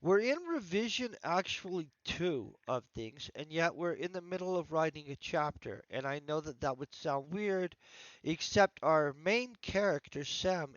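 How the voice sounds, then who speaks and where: An author streams his writing session, chatting casually and rambling while he thinks aloud and restarts his sentences. He sounds congested, his voice on the high side, in lo-fi audio with no echo.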